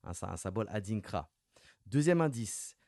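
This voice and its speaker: Lively radio host, low dry voice. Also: male voice, normal speed, no room sound. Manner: lively, playful, announces clues with rising emphasis. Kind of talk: radio interview with a quiz game. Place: radio studio.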